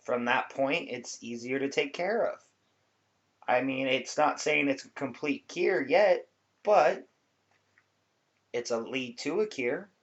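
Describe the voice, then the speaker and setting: A vlogger talks casually to his viewers, explaining things in a laid-back, rambling manner. His voice is medium-pitched and slow, with frequent pauses, and the recording sounds dull and lo-fi.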